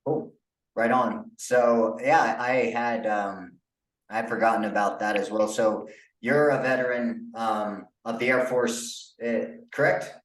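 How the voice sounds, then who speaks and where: A young adult man hosting a casual interview podcast, relaxed and full of fillers. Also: mid-range voice, unhurried, distant mic. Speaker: podcast host. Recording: echoey room, off-mic.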